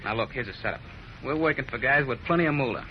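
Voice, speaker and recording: An actor playing a tough, sly young American gang leader with curt, slangy talk in a 1940s radio drama. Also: male voice, mid-range voice, fast talker, natural voice. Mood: impatient, menacing. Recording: muffled, noisy vintage radio recording.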